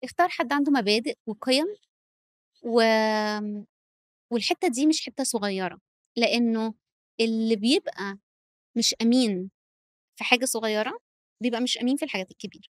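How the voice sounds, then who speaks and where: A woman's voice: a little high, a little fast, pauses often, dry recording, studio quality. A woman with an Egyptian accent, a relationship therapist explaining advice with firm conviction as a podcast guest. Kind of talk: casual podcast chat.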